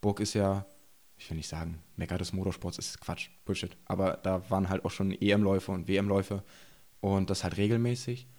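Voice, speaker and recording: His voice is low and darkish, with fairly even intonation and a moderate pace. He's an enduro rider in his twenties from Saxony-Anhalt, eastern Germany, guesting on a podcast where he chats casually, rambles, laughs often and uses slang.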